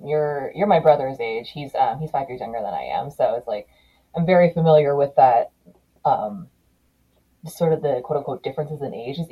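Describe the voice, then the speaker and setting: A woman's voice: a bass voice, slightly rough, dull audio. A woman in her thirties hosting a podcast, chatting casually and telling stories with lots of restarts. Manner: chatty, animated storytelling with many restarts. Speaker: podcast host. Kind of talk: casual conversation.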